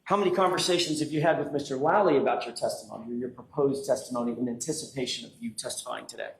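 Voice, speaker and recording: A male defense attorney in a courtroom recording, pressing a witness with rapid-fire cross-examination questions. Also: mid-range voice, gravelly. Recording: echoey courtroom audio, faint noise.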